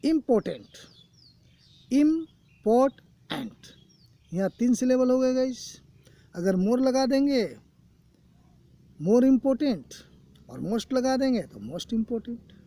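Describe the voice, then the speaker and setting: High mellow guy explaining grammar slow, keeps saying guys, dry sound. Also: lively intonation, dry recording. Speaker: English teacher. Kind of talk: recorded classroom lesson. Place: coaching classroom.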